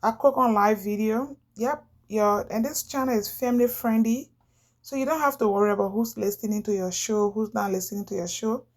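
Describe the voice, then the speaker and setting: A woman's voice: mid-range voice, a little fast. A middle-aged woman from Liberia, chatting casually to camera as a vlogger, rambling and repeating herself.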